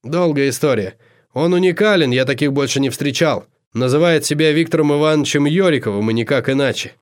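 A man's voice: a little high, brisk, natural voice. A man doing a theatrical, raised-voice host of the underworld. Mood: showy. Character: charming male host of nonhumans, theatrical.

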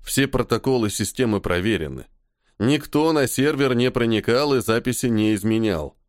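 A stubborn, sullen army major, as a male audiobook reader puts him on, keeping his replies formal but caustic. His pitch moves freely and the sound is dry and close-miked. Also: expressive, normal speed, dry recording, close to an everyday voice. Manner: gloomy, stubborn, sarcastic. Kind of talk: audiobook character voice.

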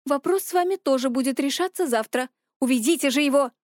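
Woman voicing a fussy little man, high, flustered, breathless, crisp dry sound. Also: a little fast, no echo, close to an everyday voice. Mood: gloomy.

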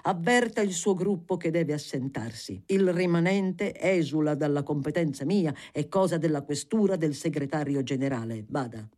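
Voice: mid-range voice, normal speed, few pauses, a little mellow, lightly acted. A reader voicing a severe but courteous older parliamentary president who speaks formally and peremptorily. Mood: curt.

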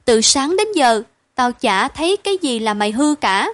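A woman's voice: a little high, no echo, natural voice. A woman reading aloud and voicing a spirited poor village girl, the eldest sister, blunt and caring. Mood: soothing. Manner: brisk, blunt and matter-of-fact.

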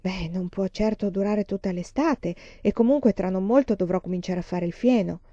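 A woman reading the lines of a kind, easygoing pioneer father in a gentle, reassuring way. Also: mid-range voice, moderate pace, no echo, dull audio, natural voice.

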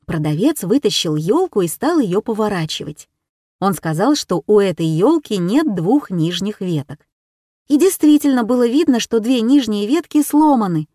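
A woman reading a children's story aloud in the first person, unhurried and warm. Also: mid-range voice, expressive, no echo, clean studio sound. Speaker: narrator.

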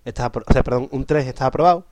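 A man, co-hosting a podcast and cracking quick jokes in casual banter. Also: mid-range voice, darkish tone, dry recording. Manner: joking, quick wisecracks. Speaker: podcast co-host.

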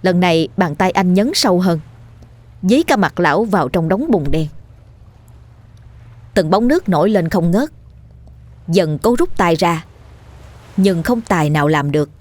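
A woman reading a ghost story in an even, measured way. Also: on the low side. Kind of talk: scripted ghost story narration.

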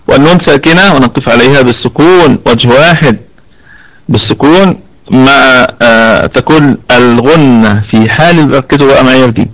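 A man with an Egyptian accent teaching an online Quran recitation lesson, explaining patiently and repeating words slowly to demonstrate. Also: medium pitch, fairly bright tone, low-quality recording. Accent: Egyptian Arabic. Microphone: computer mic over an online voice chat.

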